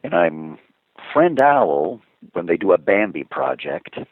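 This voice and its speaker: A man's voice: deep voice, normal speed, no room sound. A man who works as a voice actor, chatting as a guest in an interview and telling stories with eager enthusiasm. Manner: animated, enthusiastic storyteller. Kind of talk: casual interview chat. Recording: tinny phone-like line.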